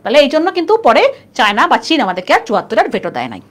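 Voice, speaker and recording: A young woman leads an online exam-prep class, talking fast and chattily while quizzing her students. Her voice sits high and swings widely in pitch. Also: huge pitch swings, fairly bright tone. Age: young adult. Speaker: admission test tutor. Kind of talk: live online class lecture.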